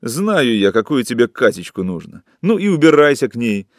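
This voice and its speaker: A man voicing a coarse, scornful young woman who scolds and mocks in a raised, shrill voice. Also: very animated, normal speed, dry recording, studio quality, close to an everyday voice. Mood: contemptuous, scolding.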